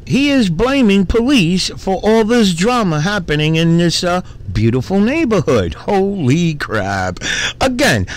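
Exasperated man ranting in commentary. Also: sits high. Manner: exasperated, swears, many fillers. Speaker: commentary channel host. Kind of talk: casual video commentary.

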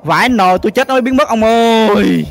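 A man with a strikingly high voice rattles off words at speed as he games with a friend. He teases and fires off short repeated calls. Game music sits clearly behind him. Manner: rapid, teasing, repeats words in bursts. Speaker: gamer, co-player. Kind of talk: casual gameplay chat.

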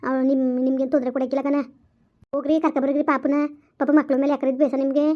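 Fast-talking woman in a village skit. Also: sits high, level tone. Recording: dull lo-fi sound.

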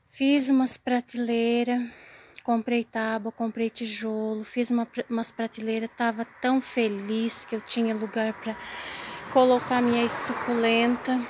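A woman's voice: a little high, darkish tone, no echo. A woman vlogging in her home garden, dismayed and close to tears, often sighing and dropping to near-whispers. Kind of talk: casual vlog to camera.

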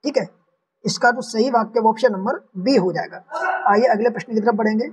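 Distant husky-voiced male tutor. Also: high voice, fairly quick. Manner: explains each option step by step, repeating key answers. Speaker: Hindi exam tutor. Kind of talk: online exam-prep lesson.

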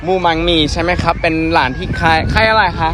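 High-voiced foreign man interviewing in simple Thai. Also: fast, sharp tone. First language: not Thai.

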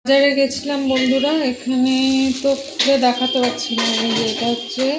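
A hoarse woman talking casually on camera, showing things to her viewers without hurry. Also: high-pitched, level tone, echoey room, over music, poor audio. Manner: unhurried, shows things to viewers. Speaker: lifestyle vlogger.

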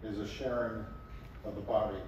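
A man leading a communion service as pastor, reciting the prayer in a measured, solemn way. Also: fairly low pitch, flat delivery, a little mellow. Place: chapel. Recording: echoey chapel, distant mic, faint room noise.

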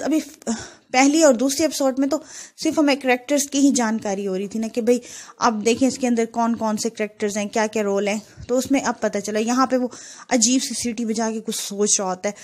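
A woman casually retelling a TV drama episode, chatty and full of fillers as she walks through the scenes. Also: a little high. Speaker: drama reviewer.

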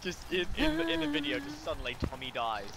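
A man's voice: medium pitch, huge pitch swings, brisk, heavy background noise. A man joking around in casual gameplay banter, goofy and theatrical, often slipping into silly put-on voices. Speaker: gaming chat guest.

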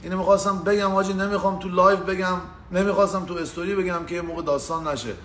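A man's voice: high-pitched, steady tone, fairly bright tone. A man casually telling a story on a live stream, slangy and swearing, greeting viewers by name. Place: indoors in the US. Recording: echoey room with faint ambient noise.

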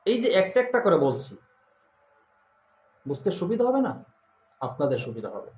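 High-pitched man, tinny echoey recording. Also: sing-song. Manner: slow, deliberate, repeats phrases, scolds viewers directly. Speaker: channel host teaching mantras. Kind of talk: instructional talk to viewers. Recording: echoey room, tinny phone-like sound.

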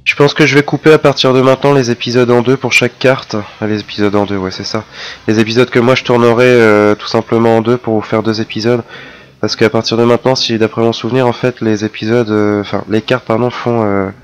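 A man giving casual, chatty commentary over his own gameplay, excitable and quick to mock himself. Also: medium pitch, faint music behind. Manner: chatty, self-mocking, excitable. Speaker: let's play gamer.

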